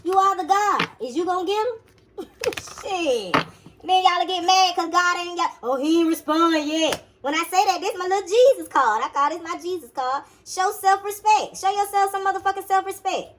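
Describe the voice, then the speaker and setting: A woman's voice: extremely high pitch, animated, normal speed, a bit bright, a little hiss or hum. A woman giving a blunt, profane motivational sermon to her listeners, casual and slangy, repeating her commands with emphasis. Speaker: spiritual teacher.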